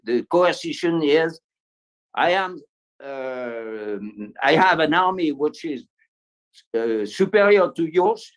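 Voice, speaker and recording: A man with a French accent, French his first language, speaking at a conference over a video link in a halting way with many fillers and restarts. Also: on the high side, low-quality recording. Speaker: panel speaker.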